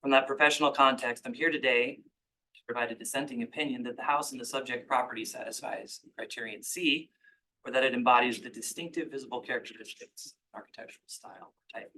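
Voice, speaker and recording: Man, public commenter, formal testimony, bright tense voice, argumentative. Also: mid-range voice, rough recording. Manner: measured, argumentative.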